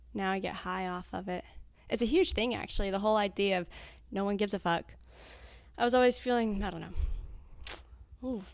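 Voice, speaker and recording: Blunt, gravelly young woman, dry close sound. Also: medium pitch, dry recording. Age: 20s. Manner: blunt, frank, swears freely. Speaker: anonymous interviewee. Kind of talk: candid recorded interview, cut into fragments.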